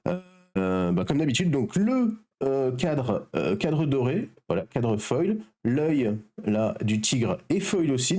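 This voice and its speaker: Animated man opening card packs. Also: mid-range voice. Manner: chatty, animated, many fillers. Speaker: host. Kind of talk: card pack-opening commentary.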